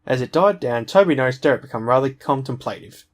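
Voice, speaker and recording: A man's voice: medium pitch, animated, fast. Man reading a visual novel aloud. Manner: reads dialogue in a plain voice, breaks off for jokey asides. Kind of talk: reading game text aloud with asides.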